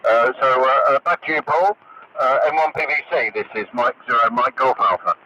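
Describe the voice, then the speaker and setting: A man's voice: mid-range voice, bright, forceful tone. Ham radio man, gritty carbon mic, dull crackly AM signal, distant. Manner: unhurried, technical, halting. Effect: gritty carbon granule microphone sound. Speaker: amateur radio operator. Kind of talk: ham radio net check-in chat. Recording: crackly distant AM shortwave broadcast.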